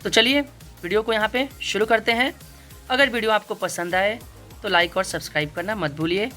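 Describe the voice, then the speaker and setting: A woman's voice: medium pitch, brisk, sharp tone, soft background music. A woman teaching English phonics, explaining patiently and repeating each sound several times. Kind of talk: spoken phonics lesson.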